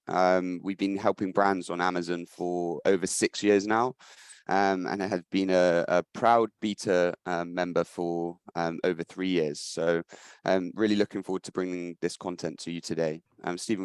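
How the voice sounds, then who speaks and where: A man's voice: deep voice, steady tone, normal speed, clean tone, no echo, clean studio sound. A man presenting a business webinar on a call, his voice slightly scratchy, with frequent ums and restarts. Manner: hesitant, many ums and restarts. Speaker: webinar presenter, agency director.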